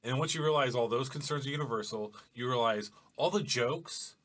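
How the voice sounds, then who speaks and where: A man's voice: mid-range voice, brisk, a bit bright. A man co-hosting a casual podcast, talking in a reflective, rambling way with restarts and swearing. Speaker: podcast co-host. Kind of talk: casual chat.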